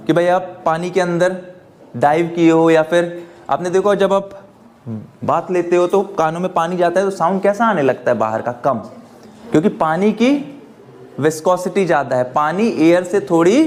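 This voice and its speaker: A man teaches a classroom lesson in a fairly high voice. He keeps putting questions to his students and then answers them himself. He often slips English phrases into his explanations. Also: moderate pace, darkish tone. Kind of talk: classroom lecture.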